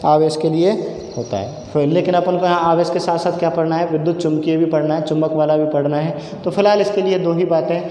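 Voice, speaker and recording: High-voiced man teaching physics. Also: fairly even intonation, brisk, dark tone. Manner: asks questions then answers them himself. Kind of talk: classroom lecture. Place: classroom. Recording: echoey classroom with long reverb.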